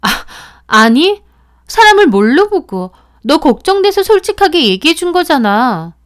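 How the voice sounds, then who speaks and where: A woman voicing a scheming young female friend who gets shrill and defensive when accused. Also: sing-song, normal speed. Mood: indignant.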